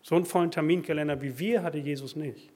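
A man preaching a sermon, swinging from loud emphatic bursts to quiet asides. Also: a little high, fast talker. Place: church.

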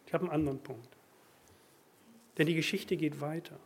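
A preacher in a church, speaking in a husky, slightly high voice. His delivery is animated, rising to loud emphatic bursts and then dropping to quiet, confiding asides. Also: fairly quick. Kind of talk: sermon.

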